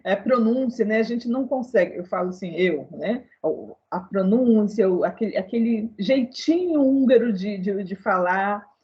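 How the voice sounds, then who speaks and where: A woman's voice: mid-range voice, animated, normal speed, few pauses, darkish tone, lo-fi sound. A woman hosting a casual interview, chatty and asking long, winding questions. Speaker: interview host.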